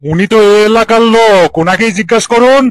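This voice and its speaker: A man voicing a stubborn male headmaster in a cartoon, calming others but insisting he is right. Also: high voice, fairly quick, natural voice. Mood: placating. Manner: placating yet stubborn.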